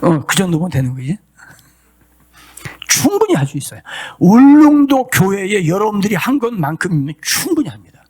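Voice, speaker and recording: Impassioned pastor, husky, high and lively. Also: male voice, moderate pace. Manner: impassioned preaching, rising to shouts and sung cries. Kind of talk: sermon.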